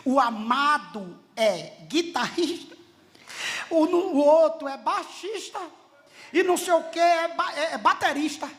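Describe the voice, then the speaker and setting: A middle-aged man with a Brazilian Portuguese accent preaching a sermon as a pastor, telling stories with dialogue and rising to shouts. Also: very high voice. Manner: animated, shouting at peaks, storytelling with dialogue.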